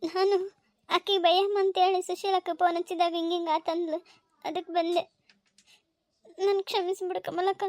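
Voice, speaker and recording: A woman's voice: very high voice, flat delivery, normal speed, long pauses, darkish tone, no room sound. A woman with a North Karnataka Kannada accent playing an anxious village mother in a family comedy-drama, talking in an emotional, pleading and scolding way.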